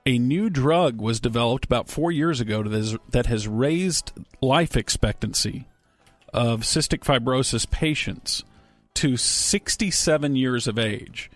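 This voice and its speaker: A man's voice: medium pitch, a little slow, no echo, faint music behind. A man hosting a casual radio talk show, rambling and joking as he reads listener emails and banters with his co-hosts. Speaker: radio host. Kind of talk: casual sports radio chat.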